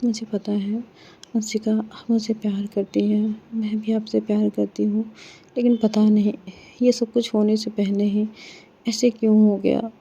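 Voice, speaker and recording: A woman's voice: mid-range voice, little pitch movement, measured pace, mellow, husky. A woman voicing a hurt but loving young woman who questions and reproaches her partner, on a slightly dull recording. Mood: wistful.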